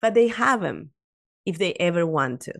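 This podcast guest, a woman in her fifties whose first language isn't English, has a lowish, gravelly voice and speaks at a moderate pace. Her casual interview chat is full of animated stories, frequent restarts, asides, and "you know."

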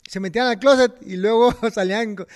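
A man's voice: sits high, brisk. A man with a Mexican accent in casual chat, often repeating words as he talks.

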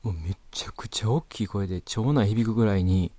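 A man's voice: on the low side, fairly quick, mellow, dry recording. A man with a Kansai accent telling a comic anecdote to a listener, chatty and exasperated, with polite asides. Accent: Kansai Japanese.

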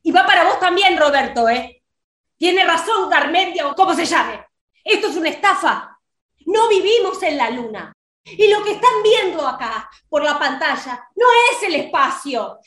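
Argentine woman ranting and scolding, super high voice, roomy echo. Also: big pitch swings, a little slow, fairly bright tone. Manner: scolding, indignant, preachy. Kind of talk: comic sketch rant.

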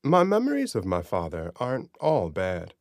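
A male audiobook narrator with a dry, sardonic delivery. His voice sits low but swings widely in pitch as he tells the story. The recording is dry and close. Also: huge pitch swings, normal speed, dry recording. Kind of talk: scripted narration.

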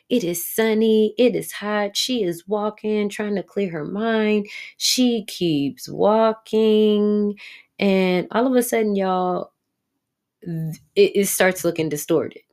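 A woman's voice: mid-range voice, darkish tone. A woman giving a chatty, profane recap of a TV episode, talking straight to her viewers. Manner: chatty, profane, addresses audience directly. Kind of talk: casual recap monologue.

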